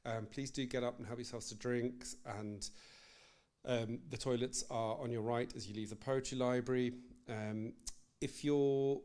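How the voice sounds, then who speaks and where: A man's voice: mid-range voice, steady tone, a little slow, darkish tone. A young man opening a live poetry event in a library as its host, speaking informally with lots of ums and self-deprecating asides. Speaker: project manager and event host. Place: library event space with an audience. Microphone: live-streamed event microphone.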